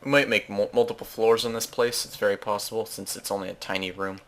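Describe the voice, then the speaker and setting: Speaking fast in a lowish voice with fairly even intonation, a male Let's Play host narrates his gameplay. He rambles casually, tosses in chatty asides, and frequently stops to correct himself mid-sentence.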